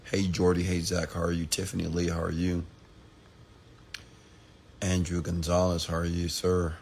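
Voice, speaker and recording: Late at night on a livestream, a hoarse Texan entrepreneur speaks in a very low, monotone voice with gravelly fry, a darkish tone, and a moderate pace. He repeats himself and calls out viewers by name in a motivational tone, while a faint hiss sits under the recording.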